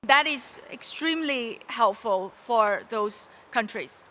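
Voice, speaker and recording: Woman, conference panelist, earnest explanations, bright crisp tone. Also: fairly high pitch, expressive, slow pace. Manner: earnest, explains step by step with restarts. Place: conference stage.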